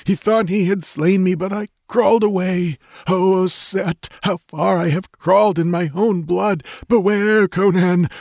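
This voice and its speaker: Man doing a high gurgling dying warrior. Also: steady tone, unhurried, vocal fry, few pauses, darkish tone, no echo, studio quality, full character voice. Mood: desperate dying. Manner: gurgling, choked urgent pleading. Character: dying wounded male warrior, desperate.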